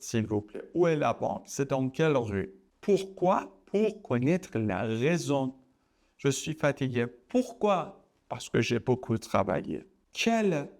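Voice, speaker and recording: A man with a Persian accent teaching a French lesson, saying each phrase clearly and repeating it, sometimes acting out short exclamations. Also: medium pitch, darkish tone. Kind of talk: slow, deliberate language lesson.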